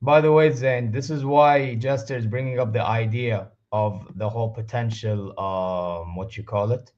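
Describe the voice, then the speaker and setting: A man's voice: medium pitch, fairly even intonation, moderate pace, a little mellow, highs cut off. A man chatting casually as a wrestling fan co-host, slangy and repetitive, often saying bro. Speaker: wrestling talk show co-host. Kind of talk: casual chat, fan debate.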